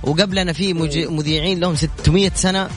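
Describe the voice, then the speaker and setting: A man hosting a call-in radio show, talking fast and teasing his callers. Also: a little high, fairly even intonation, a bit bright, soft background music. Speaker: radio host. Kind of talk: lively call-in radio chat.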